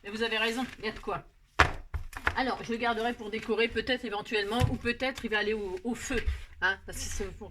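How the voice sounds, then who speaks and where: A woman's voice: on the high side, fairly bright tone, a little hiss or hum. A woman hosting a card-making tutorial, chatting casually and joking about her own mistakes while she works. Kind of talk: casual self-mocking craft tutorial.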